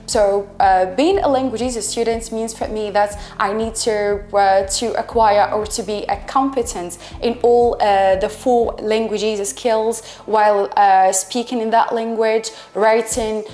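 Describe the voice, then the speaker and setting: A twenty-one-year-old Algerian woman, an Arabic speaker who studies and teaches English, answers interview questions in English hesitantly, often searching for words. Her mid-range, slightly mellow voice is fairly even and a little slow, with hardly any pauses, in an echoey room with faint music.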